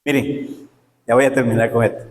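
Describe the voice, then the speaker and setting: A man's voice: mid-range voice, level tone, normal speed. A man preaching a Sunday school sermon as a pastor, folksy and joking, calling on the congregation to answer him. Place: church hall. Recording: echoey church hall reverb.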